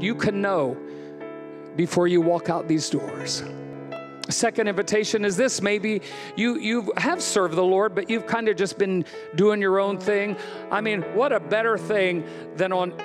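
On a large church stage with a band, a middle-aged American pastor with a high-pitched voice preaches emphatically into a handheld mic. He then shifts to leading a soft altar-call prayer.

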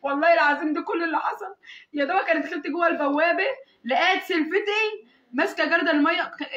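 Young egyptian woman crying thru her story, super high voice, rushing the words, pleading and swearing oaths. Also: sharp tone. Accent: Egyptian Arabic. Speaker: woman recounting an assault. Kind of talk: tearful testimony. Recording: echoey, muffled sound.

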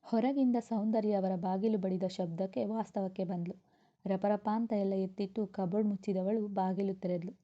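A woman's voice: medium pitch, steady tone, moderate pace, muffled recording. Woman reading a romance novel aloud. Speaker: storyteller.

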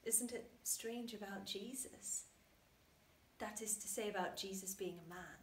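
A woman performing a dramatic stage monologue as a tragic, sorrowful young mother, emotionally intense and moving between hushed and raised delivery. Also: medium pitch, measured pace, slight background noise, natural voice. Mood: wounded wonder. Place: small bare indoor room. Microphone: camera at some distance. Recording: echoey room, distant microphone.

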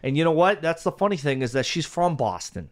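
A man's voice: a little high, very animated, fairly quick. A man co-hosting a podcast in casual, conversational talk with slang and some swearing. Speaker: podcast co-host. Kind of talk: casual chat.

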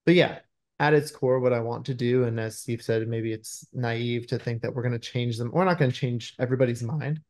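A screenwriter in his thirties gives earnest, conversational explanations during a video-call interview from a room at home, heard through the call's microphone. His mid-range voice is darkish in tone, fairly even in intonation and fairly quick.

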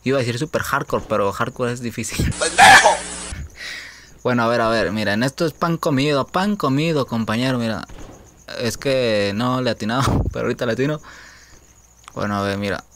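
A young man with a Mexican accent giving casual gameplay commentary, joking, swearing freely, laughing often and breaking into sudden high-pitched yelps. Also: fairly quick, background noise. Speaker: gaming YouTuber.

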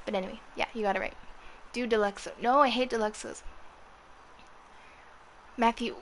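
A woman's voice: a little high, fairly even intonation, moderate pace, fairly bright tone, slight background noise. A woman in her twenties with a youthful, girlish voice, chatting casually with viewers on a live gaming stream and swearing freely. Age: 20s. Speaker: livestreamer.

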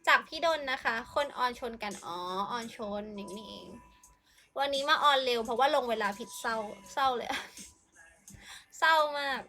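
A woman's voice: fairly high pitch, normal speed, bright, forceful tone. A young woman live streaming, chatting casually and playfully greeting and thanking viewers by name.

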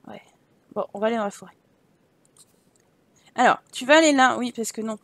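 Chatty woman gamer, slightly high voice. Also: normal speed, fairly bright tone, no room sound. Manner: chatty and playful, laughs often, swears casually. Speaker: video game let's-player. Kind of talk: casual gameplay commentary, reading quest text aloud.

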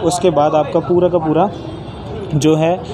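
A man's voice: on the high side, flat delivery, measured pace, a crowd in the background. A young man in his twenties hosting a casual vlog, walking viewers through car parts step by step with some hesitation. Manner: hesitant, pointing things out step by step. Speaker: channel host explaining car mechanics. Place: outdoor garage workshop. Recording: street and vehicle noise behind.

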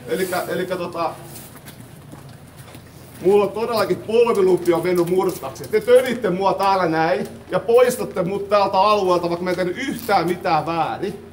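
A man's voice: sits high, a little hiss or hum. A man insistently demanding reasons from police, argumentative and indignant, filmed on a phone at a swimming hall entrance. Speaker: man filming his own confrontation with police. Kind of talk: argumentative live-streamed confrontation.

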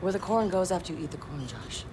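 In a video game cutscene with noisy ambient game sound, a young woman plays a brash, defiant hacker activist who is blunt, foul-mouthed and determined, sounding scheming and scornful. Her voice is lowish and animated, she talks fast, and the acting is light.

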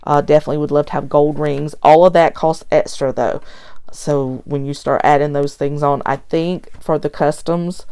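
A middle-aged American woman hosts a planner flip-through vlog, chatting casually and a bit ramblingly at a tabletop indoors while a tablet films from above. Her voice is low, scratchy and darkish, with a clear, resonant tone.

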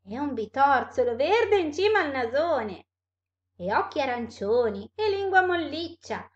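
A woman teacher reading a rhyming storybook aloud for children, in an expressive read-aloud manner, with a slightly dull recording. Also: sits high, unhurried.

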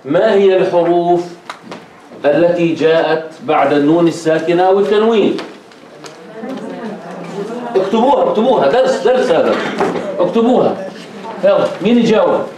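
A man teaching a Quran recitation class, asking the students quick questions in a conversational way. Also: high-pitched, lively intonation, noisy background.

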